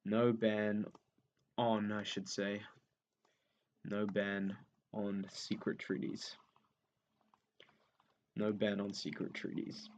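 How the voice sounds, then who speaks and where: Young male tutor, low voice, off-the-cuff revision lesson, hesitant and repetitive as he writes notes, dull lo-fi sound. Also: monotone, slow pace, long pauses, a little mellow. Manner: thinks aloud with many ums, repeats key points as he writes them down. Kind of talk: unscripted revision lesson while writing notes.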